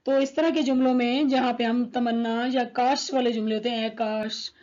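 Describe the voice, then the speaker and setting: A woman teaching an English grammar lesson, reading each example sentence slowly and deliberately. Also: on the high side, steady tone, a little mellow. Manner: slow, deliberate, reads English examples word by word. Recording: dull lo-fi recording.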